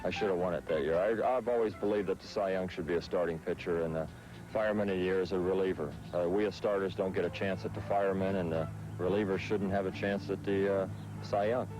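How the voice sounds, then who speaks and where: A fast talker, this thirty-something professional baseball pitcher from the Netherlands, raised in Southern California, gives relaxed interview answers peppered with fillers. Music plays under his voice and the audio is poor.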